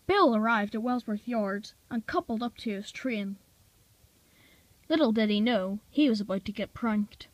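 A woman reads a homemade toy-train story aloud, slow and unhurried. Her voice sits on the higher side, and the reading is plain with the odd slip. The recording is dry and close. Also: dry recording. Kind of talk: amateur reading of a fan story.

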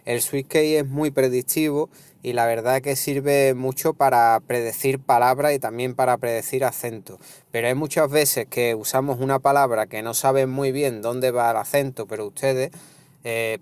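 A man's voice: medium pitch, clean tone. A man with a Spanish accent from Spain, hosting a casual tech tutorial and explaining step by step, checking in with his viewers as he goes. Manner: relaxed, explaining step by step with frequent "¿vale?" and "¿veis?". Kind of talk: casual screen-recorded tutorial.

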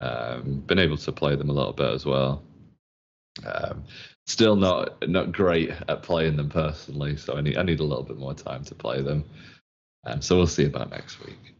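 A man's voice: a bass voice, normal speed, creaky. A man hosting a casual livestream chat, friendly and hesitant with many fillers. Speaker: community stream host. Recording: dull lo-fi stream audio.

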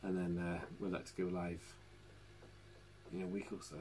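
A man's voice: low-pitched, flat delivery, moderate pace, darkish tone, a little hiss or hum. A man hosting a casual live stream from home, chatty and laughing often as he talks to viewers. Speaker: channel host. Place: home living room.

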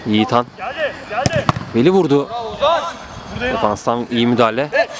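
A man doing live play-by-play football commentary, excitable, with calls that rise to drawn-out screams at goals. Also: over a noisy crowd. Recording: noisy outdoor pitch, background ambience.

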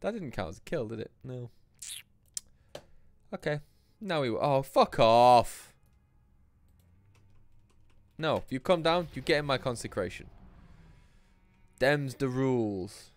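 A man's voice: mid-range voice, lively intonation, slow, pauses often. A young man streaming a game live, chatting to himself and his viewers in a playful, profane way. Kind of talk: live gameplay commentary.

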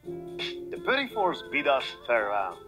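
A man reading a scripted restaurant review, measured and upbeat. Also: medium pitch, huge pitch swings, low-quality recording. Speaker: food video narrator. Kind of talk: scripted narration. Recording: voice-over with music underneath. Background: background music.

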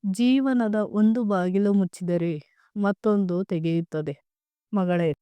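A woman's voice: mid-range voice, slow, mellow, smooth, no echo, close to an everyday voice. A woman voicing a caring mother who soothes and reassures her daughter in a storybook tale. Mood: coaxing.

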